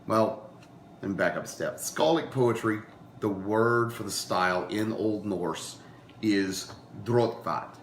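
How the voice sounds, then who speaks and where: A man with a lowish voice teaches a beginners' class while getting over a cold. He talks very slowly, with many fillers and restarts. The echoey room recording has a faint hiss. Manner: unhurried, frequent ums and uhs, restarts. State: recovering from a cold, coughing. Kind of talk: informal lecture to a class.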